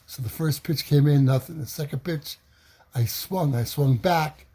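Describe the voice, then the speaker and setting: Brief: man, personal storyteller, mellow husky voice, lively delivery. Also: a little high, a little slow. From New York City. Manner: animated, acts out quoted voices.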